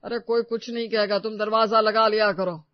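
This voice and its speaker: A woman's voice: mid-range voice, little pitch movement, normal speed, no echo, lightly acted. A woman voicing a meek, mild elderly father-in-law who speaks hesitantly. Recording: dull dry lo-fi recording.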